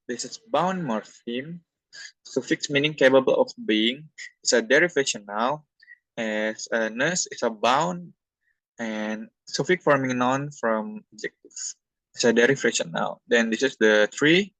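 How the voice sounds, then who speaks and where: A young man from Indonesia, a university student presenting a class talk from slides in a halting, plain explanatory way. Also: medium pitch, fairly bright tone, no room sound, low-quality recording.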